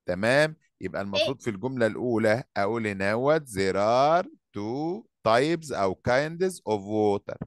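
A man's voice: mid-range voice, no room sound, clean studio sound. A man with an Egyptian accent teaching an English class, explaining sentences and drilling pronunciation with students. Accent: Egyptian Arabic. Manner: drills pronunciation, prompting students with repeated questions.

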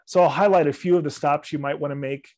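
This middle-aged man talks fast, his voice a little high, steady and darkish, recorded dry on a video call webcam. He presents a friendly, loosely worded travel talk with slides for a library travel club. Fillers and restarts pepper his speech.

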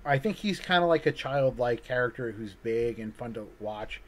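A man's voice: mid-range voice, lively intonation, moderate pace, crowd noise. A man, an artist, chatting casually over a video call, rambling and hesitant with lots of fillers and restarts. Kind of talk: casual conversation.

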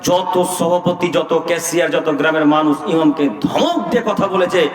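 High-voiced man preaching a scolding sermon. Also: moderate pace, soft background music. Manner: rhetorical questioning, scolding the audience. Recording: echoey hall recorded from far off.

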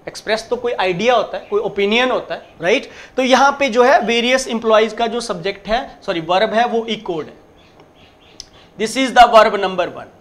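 High-voiced man teaching grammar. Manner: explains step by step, drawls the English example sentences slowly; emphatic, repeats points and keeps checking in. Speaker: English teacher. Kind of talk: exam-prep grammar lecture.

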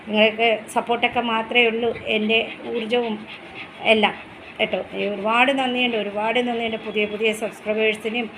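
A woman's voice: on the high side, flat delivery, fairly quick, fairly bright tone, slight background noise, low-quality recording. Chatty woman vlogging her pets. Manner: chatty, tender, often coos to the dogs. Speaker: pet vlogger. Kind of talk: casual vlog narration.

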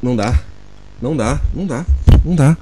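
A man's voice: mid-range voice, expressive, fairly quick, warm tone, a little hiss or hum. A young man commentating a horror game, swearing constantly and sounding exasperated and shaken. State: sweaty and shaken. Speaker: gamer.

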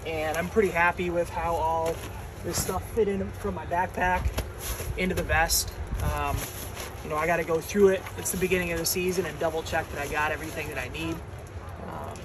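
A man in his thirties giving a casual gear review as a volunteer ski patroller, relaxed with many ums while showing items, on a snowy deck and later in a garage. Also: fairly high pitch, background noise. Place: snowy outdoor deck, then indoor garage.

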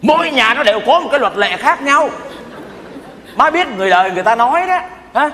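A man's voice: very high-pitched, big pitch swings, quick pace, pushed and bright, a faint crowd, full character voice. An actor playing a boastful aging overseas husband, lecturing his family in a live stage comedy. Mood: blustering. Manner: blustering, lecturing, self-justifying. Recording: live stage, hall reverb, audience noise.

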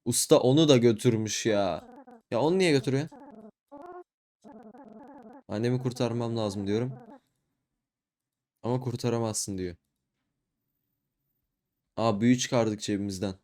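A young man quietly talks his way through a horror game, keeping his voice low and muttering. He reads each line of dialogue aloud in a flat, even tone as he plays. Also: moderate pace, pauses often. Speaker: gaming YouTuber. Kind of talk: let's play commentary, reading dialogue aloud.

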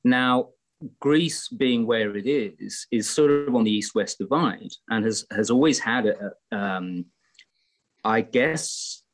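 Middle-aged English guest on a laptop call, low voice, thoughtful and meandering, lots of ums. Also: male voice, takes it slowly. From England. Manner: reflective, rambling with frequent fillers and restarts. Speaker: guest musician. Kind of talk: casual interview chat. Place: home room in Greece, indoors. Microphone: laptop webcam on a video call.

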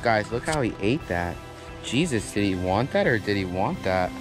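A young man vlogging his fishing trip from a grassy canal bank speaks casually and upbeat, calling out to his audience, recorded on a wide-angle action camera strapped to him. His lowish voice is sing-song at a normal speed, with music in the background.

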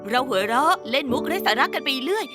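Woman, lively first-person story narration, very high pitch, faint music behind. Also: quick pace. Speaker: narrator and lead voice of an animated story dub.

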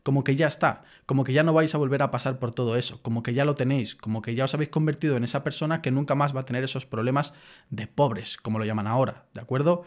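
A man's voice: medium pitch, a little mellow. A man with a Spain Spanish accent hosting his own podcast, talking frankly and earnestly in a personal monologue, swearing casually as he explains himself. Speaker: podcast host.

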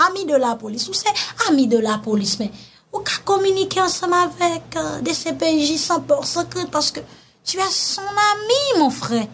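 A Haitian woman talks straight to her audience in lively commentary, her voice sitting high. She keeps calling the listeners brothers and sisters as she goes. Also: normal speed, a little hiss or hum. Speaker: online commentator. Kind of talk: casual commentary.

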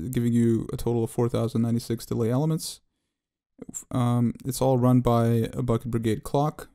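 Speaking in a smooth, medium-pitched voice, the developer of a piece of software hesitantly works through its technical details in an off-the-cuff tutorial.

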